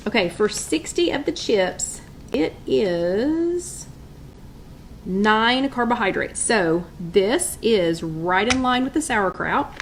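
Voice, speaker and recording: A woman's voice: on the high side, lively intonation, slow, a little hiss or hum, rough recording. A middle-aged woman hosting a casual live stream from her kitchen, chatting and reading viewers' votes aloud. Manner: chatty, upbeat, reads out viewer names and votes. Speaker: host of a live weight-loss chat.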